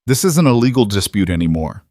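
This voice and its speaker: A man voicing a brave young frontier wife who speaks quietly and evenly. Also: on the low side, very animated, dry recording, studio quality. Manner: quiet, measured.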